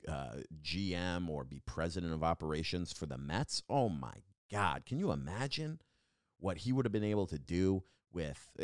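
Lively low-voiced man telling stories. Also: dry recording, studio quality. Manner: rambling, animated, lots of fillers and restarts. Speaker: podcast host. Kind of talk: casual storytelling monologue.

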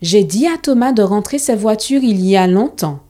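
A woman's voice: medium pitch, lively intonation, normal speed, dark tone, lightly acted. A woman doing a firm, insistent mother. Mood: stern. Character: patient but firm mother.

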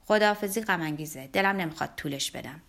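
A woman's voice: on the low side, fairly bright tone, pitched below the performer's own voice. A woman voicing a weary, aloof middle-aged man in an audiobook, speaking in a subdued, solemn tone.

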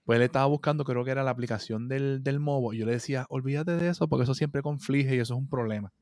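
A man with a Puerto Rican accent co-hosting a casual chat, telling stories fast and playfully defending himself in banter. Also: mid-range voice, steady tone, darkish tone, dry recording, clean studio sound. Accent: Puerto Rican Spanish. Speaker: podcast co-host.

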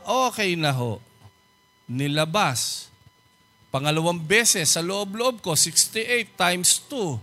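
A man's voice: high-pitched, animated, takes it slowly, long pauses, sharp tone. A man preaching as a pastor, telling a personal testimony in a polite storytelling manner and acting out the voices of the people in it. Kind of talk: sermon testimony.

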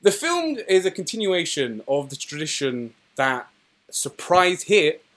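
A man's voice: on the high side, very animated, measured pace, a bit bright. A man hosting a film podcast, presenting in a narrated style. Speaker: podcast host.

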